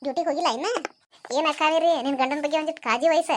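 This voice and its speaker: A woman's voice: high voice, fairly even intonation, rapid-fire, a little hiss or hum, lightly acted. A woman with a North Karnataka accent playing a bossy, complaining young wife in a comedy skit. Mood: reproachful. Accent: North Karnataka Kannada. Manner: reproachful, bossy.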